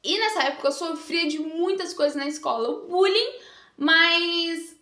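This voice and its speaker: Bright, echoey young woman telling a testimony. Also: extremely high pitch, moderate pace. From Brazil. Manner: heartfelt, earnest storytelling with emotional rises. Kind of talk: personal testimony. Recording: echoey room with faint music.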